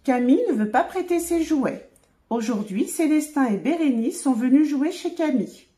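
A woman reading a picture book aloud for young children, in a clear, expressive voice. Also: high-pitched, moderate pace.

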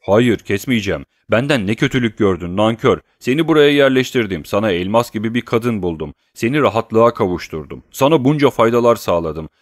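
A man reading an audiobook, voicing a coarse, bullying male swindler who rants and hurls insults loudly. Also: lowish voice, animated, a little fast, few pauses, dry recording, clean studio sound. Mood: ranting. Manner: loud, abusive ranting.

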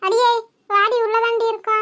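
A woman's voice: very high voice, little pitch movement, normal speed, a little hiss or hum, pitched above the performer's own voice. A woman voicing a weary, sarcastic village mother in a cartoon who scolds her daughter. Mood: scolding. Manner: sharp-tongued, sarcastic.

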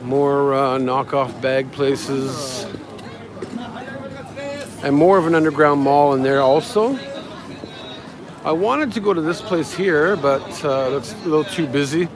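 At a medium pitch, a man talks slowly with long pauses as he gives offhand, meandering commentary on a walking tour. He's a travel vlogger and guide streaming live from a busy outdoor market street, where crowds and passing vehicles fill the background.

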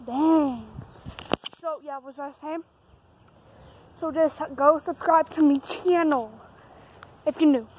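A woman's voice: high-pitched, slow, long pauses, darkish tone, low-quality recording. A female vlogger talking casually outdoors in a backyard, rambling and often losing her thread, blunt and swearing.

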